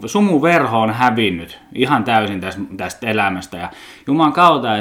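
A man's voice: mid-range voice, a bit bright. A man with a Finnish accent hosting a podcast, rambling casually in a blunt, joking way, swearing often and tripping over his words. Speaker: podcast host.

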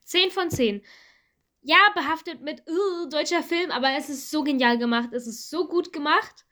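A young woman with a fairly high voice co-hosts a relaxed podcast conversation. She tells her stories with eager, chatty enthusiasm, piling up details as she goes. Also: normal speed. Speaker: podcast co-host. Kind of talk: casual chat.

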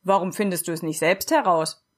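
A woman reading a storybook aloud and voicing a calm, self-assured little wooden girl who speaks in a matter-of-fact way. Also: fairly low pitch, fairly quick, close to an everyday voice.

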